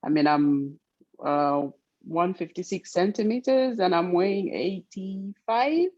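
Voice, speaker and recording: A woman's voice: fairly low pitch, animated, a little slow, darkish tone. A woman in her forties introducing herself on a video call, speaking hesitantly and searching for words. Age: 40s. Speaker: webinar participant. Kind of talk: casual self-introduction. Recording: dull lo-fi call audio.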